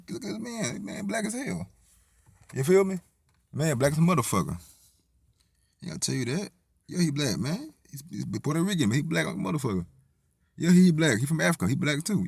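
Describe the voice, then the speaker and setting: Man, low pitch, dry close sound, casual rambling monologue, profane. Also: breathy edge, no echo. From Tennessee, USA. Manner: rambling, profane, lots of restarts and "you feel me". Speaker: vlogger.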